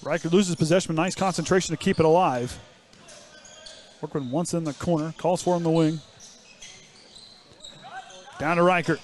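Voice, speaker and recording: Between plays of a high school basketball game, the announcer teases his co-hosts with jokes while calling the action live from a school gym. His slightly high male voice keeps a steady tone at a moderate pace, with long pauses. There is slight background noise.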